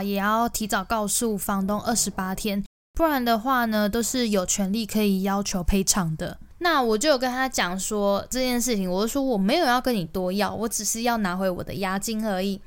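A young woman from Taiwan, hosting a podcast and telling a personal story in an animated, emotional way. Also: medium pitch, clear, resonant tone. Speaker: podcast host.

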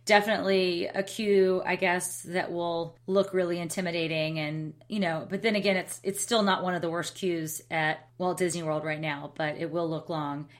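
Lower-pitched woman co-hosting a chat. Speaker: podcast co-host. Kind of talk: casual chat.

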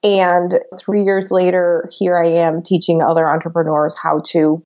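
A woman's voice: lowish voice, level tone, unhurried, a little mellow. Chatty woman coach, dull lo-fi sound. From Venezuela. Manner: chatty, laughs often, many "like"s. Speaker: business coach guest. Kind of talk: casual interview chat.

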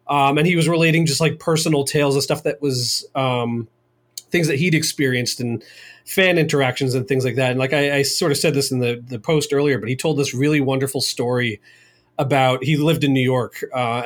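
Podcast co-host, man, loose rambling storyteller, average pitch. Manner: rambling storytelling, many fillers. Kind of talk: casual chat.

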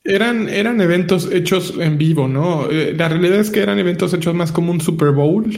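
Mexican guy kinda higher voice, explaining stuff on a casual gaming panel, slangy. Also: brisk, vocal fry, darkish tone. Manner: explanatory, slangy, often ends points with a tag question. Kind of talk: casual discussion and commentary.

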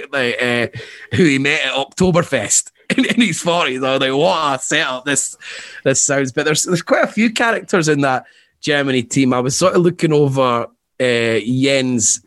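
A man's voice: mid-range voice, moderate pace, fairly bright tone, dry recording. A man, co-hosting a casual football chat, rambling and laughing often. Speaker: podcast co-host.

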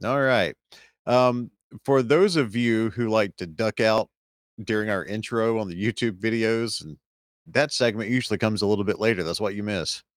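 A man co-hosting a casual podcast, easygoing and quick to laugh, sometimes losing his train of thought. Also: on the low side, no room sound, clean studio sound. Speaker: podcast co-host.

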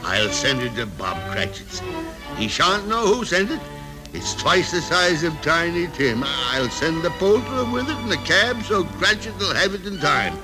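An actor playing an excitable, stammering old miser in a vintage radio drama, with theatrical delivery. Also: male voice, high-pitched, rough recording. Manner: theatrical, stammering exclamations and repetitions. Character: Scrooge, excitable old miser, fervently repentant and giddy. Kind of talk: 1930s-40s radio drama acting. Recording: old radio recording with music behind.

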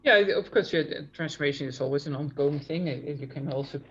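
A man answers interview questions over a video call, and his audio sounds dull and lo-fi. His voice sits slightly high for a man. He speaks earnestly, often repeating a word before he settles into his point. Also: brisk, a bit bright. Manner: earnest, many repeated starts. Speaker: guest. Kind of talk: remote interview.

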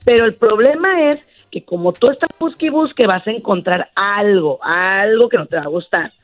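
A woman's voice: medium pitch, lively intonation, normal speed, phone-quality sound. Mexican woman psychologist giving firm advice. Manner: firm, preachy advice addressing listeners as "señores". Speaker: psychologist guest. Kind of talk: casual advice on a radio show.

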